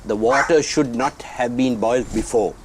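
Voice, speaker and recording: A middle-aged man from Sri Lanka, a tea business guest giving measured, matter-of-fact answers. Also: medium pitch, heavy background noise. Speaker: tea company executive guest.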